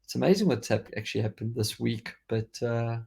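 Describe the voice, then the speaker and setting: Crowd noise sits behind this South African podcast host as he talks casual tech in a rambling way, often restarting. His accent has faded, and his gravelly, medium-pitched voice moves fairly quickly.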